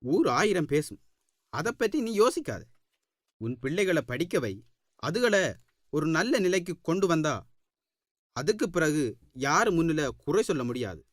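A man's voice: fairly high pitch, big pitch swings, a little slow, pauses often, dry recording, studio quality. A man acting an authoritative, reassuring employer in an old-fashioned radio drama, earnest and declamatory. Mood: insistent, reassuring. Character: authoritative, reassuring boss, benefactor of workers' families.

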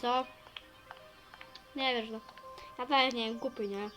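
A woman chatting in character as she plays a role-play story, narrating her own actions with sudden excitable outbursts. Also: a little high, slow pace, faint music behind, rough recording.

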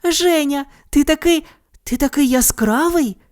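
A woman voicing a bubbly, sunny little girl in a storybook reading, gushing and excited. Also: high voice, unhurried, no echo, studio quality, pitched above the performer's own voice. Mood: delighted.

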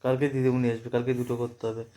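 A man's voice: mid-range voice, flat delivery, fast talker, dark tone. A man in his thirties chatting casually on a family vlog at home at night, patiently coaching his daughter's pronunciation and talking about his day. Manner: patient, drilling a child on pronunciation, chatty asides. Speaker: vlogger.

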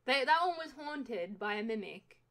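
A young woman streams a video game with casual, jokey let's-play commentary, chatting freely and dropping the occasional swear word. Her voice is on the high side and a bit bright, animated, at a normal speed.

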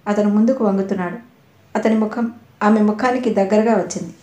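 A woman narrating an audio novel in a steady, dramatic storytelling manner. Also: mid-range voice, a little fast. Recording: echoey room.

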